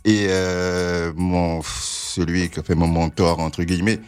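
A man from French Guiana, a reggae singer, answering in a laid-back, halting way. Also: sits low, flat delivery, clean tone. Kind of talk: casual interview answers.

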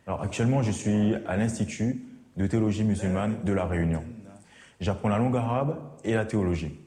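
A man's voice: on the low side, mellow. A man in his thirties from French Guiana, a theology student speaking earnestly in a documentary interview. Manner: earnest, measured. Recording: roomy echo.

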